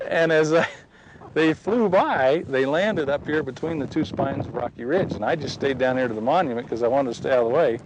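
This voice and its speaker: A man's voice: mid-range voice, a little fast, background noise. A man giving an earnest personal faith testimony outdoors at a historic site, acting out the dialogue as he tells it. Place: outdoors on a ridge.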